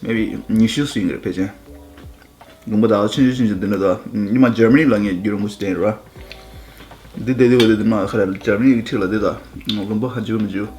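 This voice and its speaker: Low-voiced man, relaxed chat. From India. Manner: relaxed, mixes English words into Tibetan. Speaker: husband in a couple's vlog. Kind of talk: casual chat.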